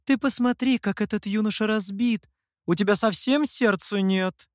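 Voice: mid-range voice, normal speed, no room sound, studio quality, voice pushed up, natural voice. A reader voicing a sly, teasing female fox demoness in an audiobook, speaking in a mocking, playful way. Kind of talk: audiobook character voice.

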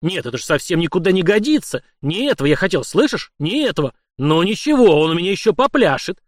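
A man's voice: fairly high pitch, quick pace, no echo, clean studio sound, natural voice. A man voicing a blustering, hot-tempered middle-aged emperor who grumbles and roars, in an audiobook. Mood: grumbling. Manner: grumbling, bursts into roaring.

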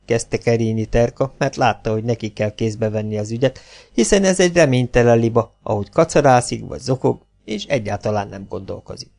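A man reading a novel aloud, narrating in a lively, expressive way. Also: medium pitch, vocal fry. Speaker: audiobook narrator.

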